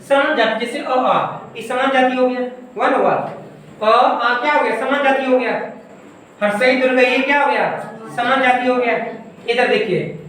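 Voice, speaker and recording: A woman teaches grammar to a coaching class in a very echoey room, far from the mic. She asks questions and answers them herself, at a middle pitch. A faint hiss runs underneath. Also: normal speed, a bit bright. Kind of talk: classroom lesson.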